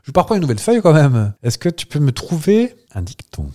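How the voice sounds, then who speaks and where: A man's voice: on the high side, very animated, brisk, mellow. A man co-hosting a podcast in casual, playful chat, often laughing at his own jokes. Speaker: podcast co-host.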